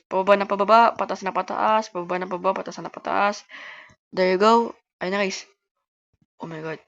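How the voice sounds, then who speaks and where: A woman who talks fast, giving casual gameplay commentary and chatting to her viewers as host of a gaming channel. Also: medium pitch, steady tone, dull audio, a little hiss or hum. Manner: fast-talking.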